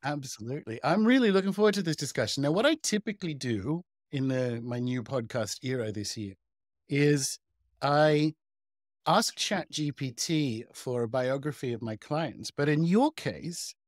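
A man in his thirties hosts a podcast interview over a video call from a room at home, upbeat, chatty, and quick to laugh. His mid-range voice is expressive at a moderate pace, with studio quality and no room sound.

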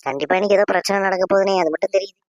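A woman's voice: medium pitch, rapid-fire, no echo, dull audio, close to an everyday voice. Woman doing a gossipy young woman, talk, dry close sound. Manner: gossipy, worried. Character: chatty young village woman. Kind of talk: cartoon voice acting.

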